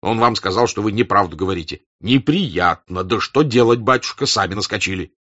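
List: man doing gruff old hussar staff-captain, scolding, fatherly, loud and bright, dull dry recording. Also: fairly low pitch, fairly quick. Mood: reproachful. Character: gruff older male hussar staff-captain, stern, honest.

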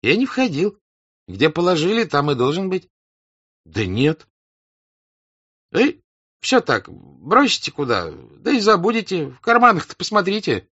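A man's voice: sits high, huge pitch swings, unhurried, pauses often, fairly bright tone, breathy edge, dry recording, muffled recording, voice pushed up, exaggerated voice. A man voicing a fussy male servant who talks in a wheedling, folksy way, in an audiobook. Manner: fussy, colloquial, pleading.

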